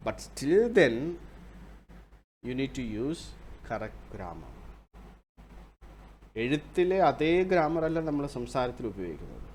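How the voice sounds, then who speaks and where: Male lecturer, very slow deliberate delivery, mid pitch, bilingual explanations. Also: darkish tone, slight background noise. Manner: slow, deliberate, switches between English and Malayalam; explains through repeated examples. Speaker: university lecturer.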